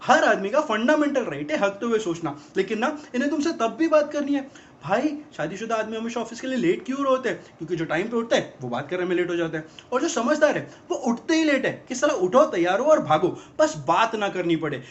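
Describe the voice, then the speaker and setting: A fast-ranting fed-up young guy. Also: very high voice, very animated. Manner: rapid-fire exasperated rant, mocking. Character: exasperated young man ranting about girlfriends. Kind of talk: film comedy monologue. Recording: dull lo-fi film audio.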